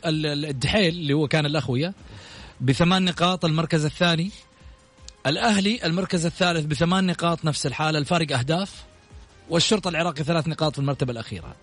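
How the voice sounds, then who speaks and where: A man's voice: on the high side, a bit bright. A man hosting a radio sports show, running through league standings and questioning his guest. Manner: questioning, lists standings and results.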